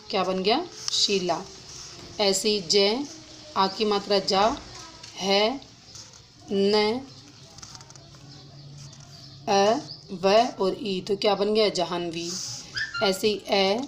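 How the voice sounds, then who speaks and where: A woman teaching an exam-prep lesson, slowly spelling out sounds and letters one by one. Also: medium pitch, slight background noise.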